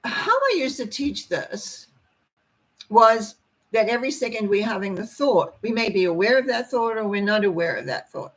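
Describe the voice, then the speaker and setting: An older woman who hosts as a tarot reader and spiritual teacher gives an informal spiritual talk to camera in a hoarse, croaky voice that's a little high and sing-song. Hoarse after a treatment, she clears her throat while explaining in a rambling, folksy way with asides, at moderate pace on a low-quality recording.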